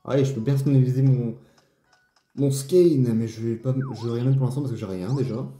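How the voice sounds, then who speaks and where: Hesitant man with a dark, mellow voice. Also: mid-range voice, brisk. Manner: thinks aloud, hesitant with many restarts and fillers. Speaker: let's play host. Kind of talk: casual gameplay commentary. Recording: roomy echo, faint game music.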